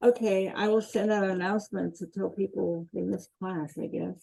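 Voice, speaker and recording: A woman's voice: mid-range voice, fairly even intonation, moderate pace, creaky, dark tone, slightly rough, low-quality recording. A woman teaching a college class online, calling roll and chatting in an informal, jokey way. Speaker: college instructor.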